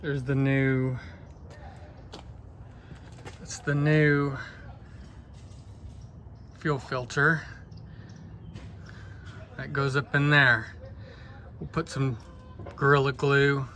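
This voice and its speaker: Middle-aged man, bright, slightly high voice, folksy do-it-yourself host, faint background noise. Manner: folksy, joking, talks while working. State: out of breath. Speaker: vlog host doing truck repair. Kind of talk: casual DIY narration.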